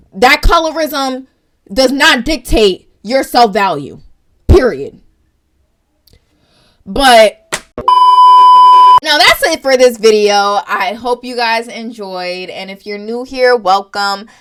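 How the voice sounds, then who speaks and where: A woman's voice: fairly high pitch, animated, takes it slowly, fairly bright tone. A young woman vlogging, giving emotional, emphatic commentary to her viewers. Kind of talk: casual commentary vlog.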